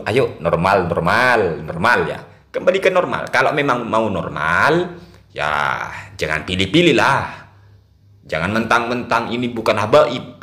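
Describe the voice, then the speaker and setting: A man's voice: lowish voice, pushed and bright, roomy sound. A man giving casual video commentary in a mocking tone, laughing often and drawing out his exclamations.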